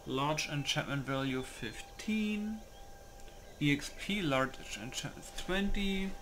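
Over background music, a gaming video host with a rather high voice offers casual commentary while setting up a game. The recording is noisy, and he mutters to himself, reading the settings aloud in clipped phrases.

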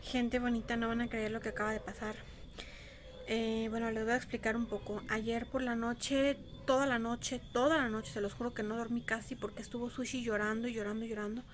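A woman's voice: a little high, little pitch movement, brisk. A young Mexican woman with a Mexican accent, vlogging in a chatty, casual way and repeating phrases for emphasis. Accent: Mexican Spanish. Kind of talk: casual vlog chat.

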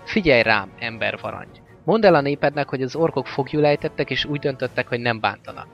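A man voicing a fierce, weary male orc warlord in a stern, forceful manner, on a slightly dull recording with faint music. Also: medium pitch, expressive, natural voice. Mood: commanding.

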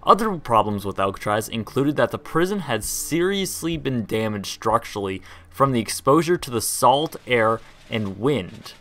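A man's voice: medium pitch, animated, normal speed, few pauses, fairly bright tone. A young man hosting a casual history video, chatty and rambling, laughing and tripping over words. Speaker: host.

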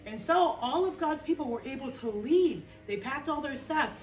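High-voiced woman telling a lively classroom story. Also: moderate pace. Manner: lively, acts out the story with gestures, checks in with "okay?". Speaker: children's chapel teacher. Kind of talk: animated Bible storytelling for children. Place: small indoor classroom. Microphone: far camera, no visible mic. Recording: roomy echo, distant camera.

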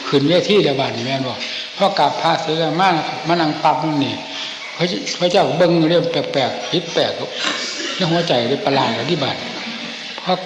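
An older man, a senior monk with an Isan northeastern Thai accent, telling stories from memory in an informal, animated old-man way and acting out the dialogue. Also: fairly high pitch, a little fast. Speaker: senior Buddhist monk reminiscing. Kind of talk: informal storytelling, reminiscing. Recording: echoey hall with clear background noise.

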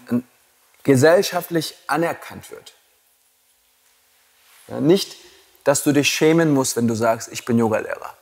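A man's voice: mid-range voice, vocal fry. A man teaching yoga teacher trainees in a blunt, provocative way and laughing at his own jokes. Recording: long hall reverb.

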